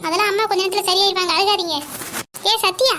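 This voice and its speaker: An earnest young college girl in a cartoon, voiced by a woman, pleads with her mother. Her voice is very high and bright. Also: steady tone, quick pace, a little hiss or hum. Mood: pleading.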